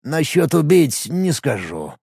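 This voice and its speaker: A man's voice: on the high side, very animated, vocal fry, warm tone, breathy edge, no echo, studio quality, exaggerated voice. A man reading an audiobook, voicing a serious, wary man who weighs his words. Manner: measured, serious.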